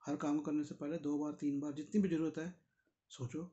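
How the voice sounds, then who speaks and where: A man's voice: fairly high pitch, flat delivery, fairly quick, dark tone, highs cut off. A tired man, reading a Buddhist book and explaining it in a conversational way, speaking directly to his listeners. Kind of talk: casual spoken commentary on a read text.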